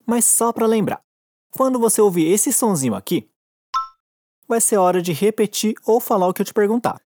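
A woman with a Brazilian Portuguese accent teaching Japanese in a recorded lesson, patient and encouraging, slowing down to model each phrase. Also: medium pitch, animated, dark tone, no echo, clean studio sound.

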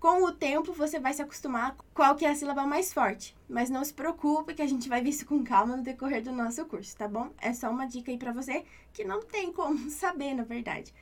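A woman's voice: high voice, a little fast, few pauses. A woman with a Brazilian Portuguese accent teaching an Italian lesson, patiently repeating each point and checking in with the listener. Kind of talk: online language lesson.

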